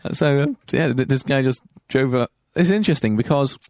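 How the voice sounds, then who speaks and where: A man hosting a comedy podcast, reading news stories aloud with halting restarts. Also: mid-range voice, a little mellow, no room sound, clean studio sound. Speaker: host.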